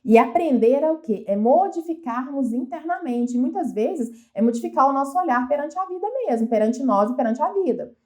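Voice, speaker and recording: A self-help speaker with a Brazilian Portuguese accent gives an earnest, reflective motivational talk, often asking herself questions aloud and frequently restarting. Her high-pitched, slightly mellow voice is expressive, at normal speed with hardly any pauses.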